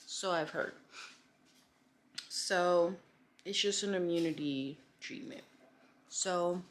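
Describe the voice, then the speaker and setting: A woman's voice: lowish voice, a little hiss or hum. A woman chatting casually and upbeat to her viewers in a home vlog, filmed on a phone camera. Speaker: vlogger.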